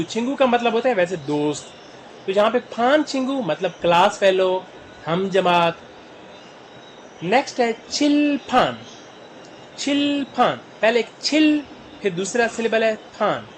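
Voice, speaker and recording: A man with a Pakistani Urdu accent teaching Korean vocabulary, sounding out each word slowly syllable by syllable. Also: high voice, slight background noise, poor audio. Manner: spells words out slowly syllable by syllable. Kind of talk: vocabulary lesson.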